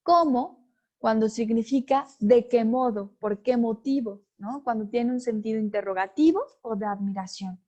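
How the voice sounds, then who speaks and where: Woman teacher, fairly high and mellow voice, patient explanatory lecture that keeps checking in with the class. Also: normal speed. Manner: explanatory, often checks in with listeners.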